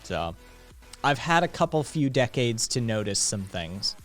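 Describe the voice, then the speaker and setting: A man in his late thirties hosts a casual live stream, rambling loosely, swearing freely and filling gaps with ums in a laid-back way. His medium-pitched, middle-range voice is very animated yet a little slow, with faint music underneath.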